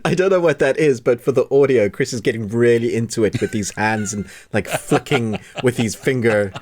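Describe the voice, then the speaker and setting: A man's voice: medium pitch, moderate pace, darkish tone. A man hosting a podcast in casual chat, upbeat and laughing a lot. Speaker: podcast host.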